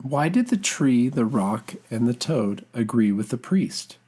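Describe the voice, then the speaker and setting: A storyteller with a husky, medium-pitched voice reads a children's folktale from a script, expressive and dramatic with deliberate phrasing.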